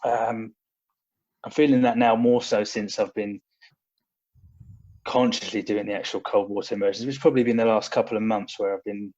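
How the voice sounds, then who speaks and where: His voice has a fairly low pitch and a darkish tone, with fairly even intonation, a moderate pace and frequent pauses. He's a young personal trainer and podcast guest, storytelling casually with plenty of hesitation, fillers and restarts, and the recording is dull and lo-fi.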